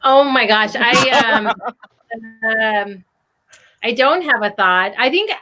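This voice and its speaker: Woman on a video call, bright sharp voice, earnest, lots of "like". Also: a little high, takes it slowly, rough recording. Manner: earnest, urging, with many likes. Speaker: podcaster. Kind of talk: casual video-call discussion.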